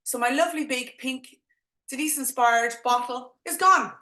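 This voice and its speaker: A woman's voice: high voice, moderate pace, pushed and bright, roomy sound. A woman with a thick Dublin accent presenting an informal live online workshop as a coach, chatting directly and encouragingly to her viewers.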